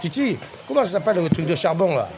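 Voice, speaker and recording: A man's voice: sits high, sing-song, fast talker, background noise. A middle-aged man with a Grenoble-area accent, a local resident chatting casually in an outdoor interview, talkative and often searching for words. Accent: Grenoble area (Grésivaudan). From Grenoble, France. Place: outdoors at a neighborhood festival.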